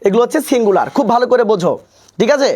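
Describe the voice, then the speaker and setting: A man's voice: very high-pitched, animated, very fast, a little mellow. A young man teaching English grammar in a live online class, reading out chat comments and repeating himself as he coaxes students and keeps checking they understand. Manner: repetitive, coaxing, constantly checks understanding. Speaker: English tutor.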